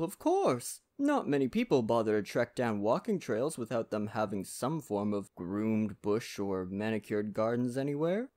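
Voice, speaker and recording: In an ASMR roleplay spoken to the listener, a performer plays a friendly, poetic male lumberjack who is chatty and gently courteous. The voice is medium-pitched and close to an everyday speaking voice.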